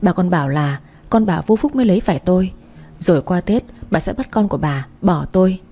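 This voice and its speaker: A woman's voice: on the low side, animated, brisk, dark tone, husky. A woman narrating a story in the first person, in a sardonic, matter-of-fact manner. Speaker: audiobook narrator.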